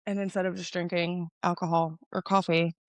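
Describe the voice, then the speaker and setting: A woman co-hosting a sports podcast in casual chat, supportive and quick with affirmations. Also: on the low side, level tone, no room sound. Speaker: podcast co-host.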